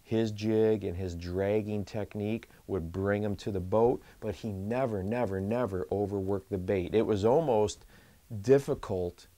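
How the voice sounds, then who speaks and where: Speaking to camera from a small indoor studio, a man in his forties hosts a fishing channel and gives earnest, emphatic tips, repeating words for stress. His voice is fairly low, warm, and a bit slow.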